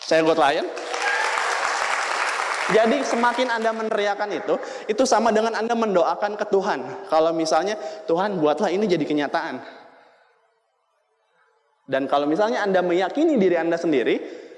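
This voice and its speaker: A young man giving a lively motivational business seminar, quizzing and joking with the audience in a hall. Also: high-pitched. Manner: lively, jokes with the audience, asks questions. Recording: long hall reverb.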